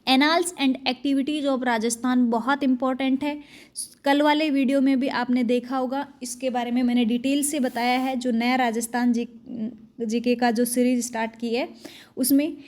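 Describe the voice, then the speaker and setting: Brisk high-voiced woman teaching a quiz. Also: steady tone, a little mellow. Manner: fast, brisk question-and-answer delivery. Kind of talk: exam-prep quiz lesson.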